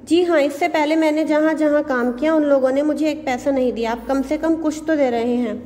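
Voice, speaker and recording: A woman teacher reading the part of a meek, timid young maid, speaking softly and hesitantly. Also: high voice, fairly even intonation, brisk, natural voice. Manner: soft, hesitant. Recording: long reverb, faint background noise.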